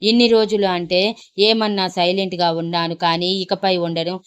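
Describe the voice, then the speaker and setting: A woman's voice: on the low side, flat delivery, normal speed, clean tone, lightly acted. A woman voicing a wronged young wife who speaks in an indignant, insistent way.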